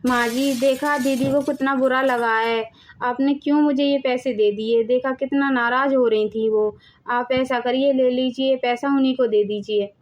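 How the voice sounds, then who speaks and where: A meek, dutiful young daughter-in-law, played by a woman in an animated family drama. She speaks in a high, polite, hesitant voice, always pleading gently. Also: moderate pace, natural voice.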